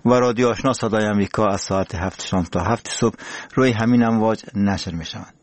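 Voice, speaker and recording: A man's voice: lowish voice, dry recording. A man with an Afghan Dari accent presenting a radio programme in a solemn, formal announcing style.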